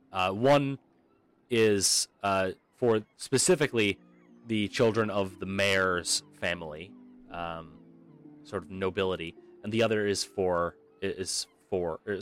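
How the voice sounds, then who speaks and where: A man narrating a tabletop game as game master, halting with frequent pauses. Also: lowish voice, smooth.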